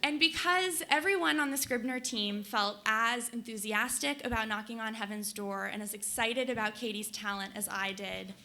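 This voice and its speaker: A woman's voice: mid-range voice, steady tone, normal speed, few pauses, pushed and bright. A young woman from Colorado, a book editor, giving an earnest, enthusiastic prepared speech to a conference audience. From Colorado, USA. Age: young adult. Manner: earnest, enthusiastic, reading from notes. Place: conference hall.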